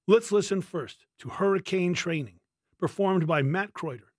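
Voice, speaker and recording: A man hosting a podcast, giving a steady, formal scripted introduction. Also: sits high, moderate pace, no room sound, studio quality. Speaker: podcast host. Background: soft guitar music.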